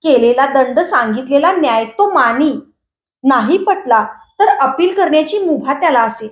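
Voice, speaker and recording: A woman reading a novel aloud as an audiobook narrator, at a steady, measured storytelling pace. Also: high voice. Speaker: audiobook reader. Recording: echoey room.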